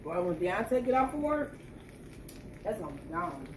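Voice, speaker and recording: A woman's voice: on the low side, moderate pace. A woman with a Southern US accent telling a family story as co-host in a home kitchen. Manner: lively storyteller. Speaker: co-host, the cook's wife. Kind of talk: casual chat. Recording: roomy, distant, noisy kitchen with frying.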